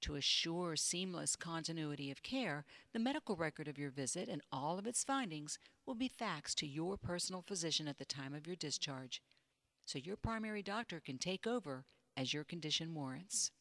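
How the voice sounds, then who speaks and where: A woman narrating a scripted promotional infomercial in a polished, measured sales-pitch manner. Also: expressive, a bit bright, no room sound. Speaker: commercial voice-over announcer. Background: music bed.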